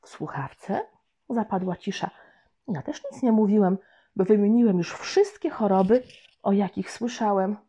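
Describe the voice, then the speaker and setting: Mellow, breathy woman reading a children's story. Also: medium pitch, normal speed. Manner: gentle, expressive storytelling. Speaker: audiobook narrator. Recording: dull lo-fi recording.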